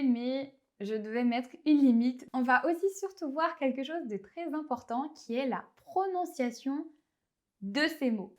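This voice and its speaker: A woman from France with a French accent, teaching a language lesson in a clear, didactic way and slowing down to spell out pronunciations. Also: sits high.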